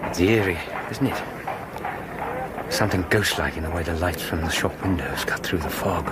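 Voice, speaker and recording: An actor playing an earnest, romantic doctor in a radio drama, musing and courteous. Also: male voice, deep voice, normal speed, lightly acted. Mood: uneasy, musing. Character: thoughtful, earnest, romantic English doctor companion. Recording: noisy radio drama ambience.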